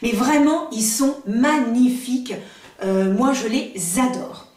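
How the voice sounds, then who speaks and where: A woman's voice: fairly high pitch, takes it slowly, over loud music. A woman chatting casually to camera as a beauty vlogger, enthusiastic and full of asides and fillers. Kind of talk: casual product review to camera. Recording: echoey room, voice a bit far from mic.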